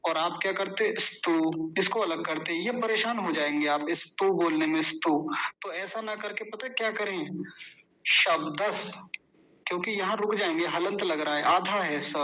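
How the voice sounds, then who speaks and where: A man leads a recitation lesson, speaking slowly and deliberately, breaking each word apart and repeating it until it sticks. His voice sits high for a man and rings bright and clear. He explains patiently, then drills the sounds in call-and-response. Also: poor audio. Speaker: Sanskrit recitation teacher.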